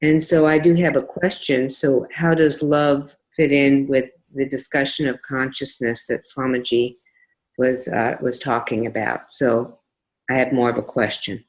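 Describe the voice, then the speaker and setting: A woman's voice: very deep voice, level tone, a little slow. A woman taking part in a group voice call, her audio echoing as she hesitantly asks a brief question. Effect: echoing audio over a group voice call. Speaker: discussion circle participant. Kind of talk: group video call discussion.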